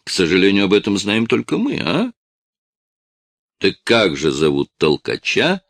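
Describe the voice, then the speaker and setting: A man doing a mocking rough cop. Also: low-pitched, huge pitch swings, a little slow, dry recording, pitched above the performer's own voice, full character voice. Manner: curt, mocking. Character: rough, mocking male police detective.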